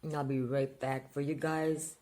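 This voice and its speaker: A woman's voice: sits low, little pitch movement, normal speed, warm tone. A woman in her forties, a vlogger chatting casually at home and jumping from one subject to the next. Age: 40s. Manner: rambling, chatty, jumps between subjects. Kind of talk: casual vlog chat.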